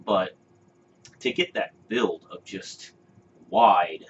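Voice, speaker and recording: A man's voice: sits low, drawn-out words, a bit bright. A man co-hosting a podcast, chatting casually and opinionatedly, rambling with fillers and restarts. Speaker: podcast co-host. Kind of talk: casual chat. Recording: dull lo-fi sound with faint hiss.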